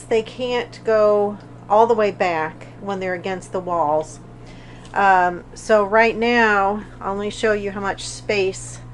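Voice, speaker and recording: A woman giving a casual vlog narration, recorded inside a small RV trailer. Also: medium pitch. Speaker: vlogger. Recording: clear background noise, small RV interior.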